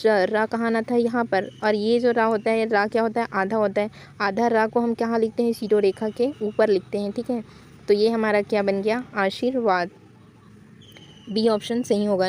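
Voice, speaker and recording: A woman's voice: mid-range voice, a little mellow. A woman teaching a Hindi spelling lesson for exam practice, explaining each answer step by step and asking questions as she goes.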